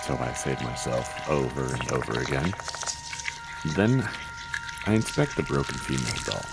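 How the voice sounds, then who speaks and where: A woman performing a video game's text aloud in a theatrical, halting way, with casual commentary of her own. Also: extremely low pitch, expressive, gravelly, loud music behind the voice, rough recording. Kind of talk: dramatic game read-aloud with casual commentary.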